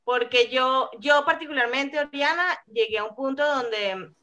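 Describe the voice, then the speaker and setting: Bright high Venezuelan woman telling stories. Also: a little slow. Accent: Venezuelan Spanish. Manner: lively, vulgar, animated storyteller. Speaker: podcast co-host. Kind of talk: casual chat, storytelling.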